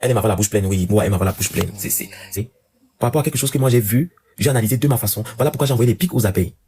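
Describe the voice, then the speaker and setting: A man hosting a casual live stream, talking to his viewers in an animated rant with lots of repetition. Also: lowish voice. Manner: rapid, animated ranting with repeated phrases.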